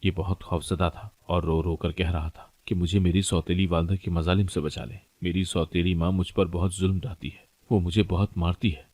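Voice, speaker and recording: A man's voice: deep voice, fairly even intonation, few pauses, darkish tone, dry recording. A man voicing an anxious, kind-hearted childless wife in a plain reading voice.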